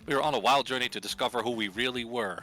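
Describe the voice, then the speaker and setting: A man's voice: mid-range voice, rapid-fire, pushed and bright. A man chatting casually and jokingly through a game, reading text aloud, exclaiming and repeating himself for comic effect. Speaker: video game let's player. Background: music.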